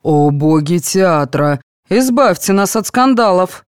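A woman voicing a tired, pleading man who directs an amateur play, speaking slowly in an audiobook. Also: mid-range voice, very animated, no room sound, clean studio sound, pitched above the performer's own voice. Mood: weary. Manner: slow, weary, pleading. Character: weary pleading male theatre director.

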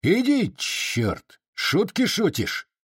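A man's voice: high-pitched, expressive, slow pace, no room sound, studio quality, pitched above the performer's own voice, exaggerated voice. A male narrator voicing a cold, brash Cossack soldier who speaks in curt, sneering bursts. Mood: scornful.

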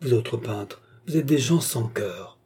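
Man voicing a moody young gent, dark, husky voice. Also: mid-range voice, lively intonation, unhurried, exaggerated voice. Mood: earnest. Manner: sulky, earnest. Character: young gloomy, impulsive gentleman in love.

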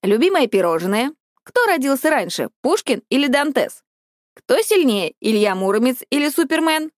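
A woman voicing a playful young female casting assistant who fires off quick offhand questions in an audiobook. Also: high voice, very animated, no echo, clean studio sound.

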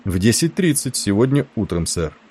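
A man reading the part of a young sailor who answers in a calm, dry, curt way. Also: lowish voice, moderate pace, breathy edge.

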